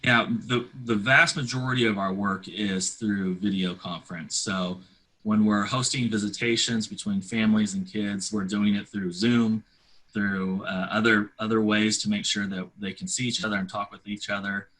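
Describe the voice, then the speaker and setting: A man's voice: on the low side, steady tone, moderate pace, a bit bright, low-quality recording. A man giving earnest, conversational interview answers as a charity representative, with somewhat hesitant phrasing.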